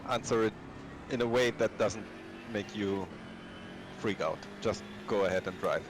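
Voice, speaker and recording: Low voiced guy chatting casually during a sim race, car engines behind him. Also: a little slow. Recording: clear engine noise behind voice. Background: racing car sounds.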